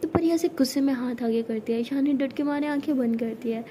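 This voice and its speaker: A woman's voice: sits high, a little fast, dark tone, slight background noise. A woman narrating a love story in a conversational, scene-by-scene way.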